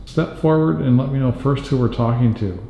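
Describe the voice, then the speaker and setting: A paranormal investigator firmly questions a spirit aloud on a floor of an abandoned hospital, probing with each question. His mellow, medium-pitched voice runs a little fast with vocal fry, and the hall sounds roomy and dull.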